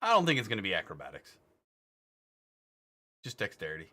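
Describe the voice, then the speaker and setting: A man's voice: low voice, wildly swooping pitch, fairly quick, bright, forceful tone. A man narrating as game master in a tabletop game, casual and swearing with laughs.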